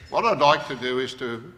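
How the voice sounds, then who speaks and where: A conference presenter delivers a reflective plenary talk, working through his thoughts aloud in a reverberant hall. He speaks at a moderate pace in a medium-pitched voice with lively intonation and a sharp tone.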